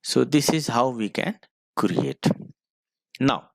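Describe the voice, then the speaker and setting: A man's voice: mid-range voice, very animated, takes it slowly, creaky, dry recording, studio quality. A man with an Indian English accent teaching a school computer class, dictating code step by step. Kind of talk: screen-recorded coding lesson.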